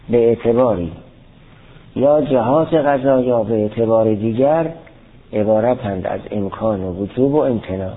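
A man giving a lecture that reads aloud a classical Arabic text and explains it line by line. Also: medium pitch. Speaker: teacher of theology and logic. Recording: tinny phone-like recording.

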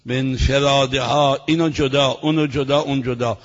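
A man teaching a class, reading a text slowly and then explaining it quickly, and correcting a student's reading. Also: mid-range voice, steady tone, big-room sound, lo-fi sound. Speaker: seminary teacher.

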